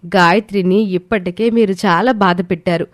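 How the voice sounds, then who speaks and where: A woman's voice: medium pitch, fairly even intonation, normal speed, no echo, clean studio sound, natural voice. A woman voicing a righteous middle-aged wife in a storybook drama, speaking firmly and reproachfully. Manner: reproachful, firm. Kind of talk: storybook voice acting.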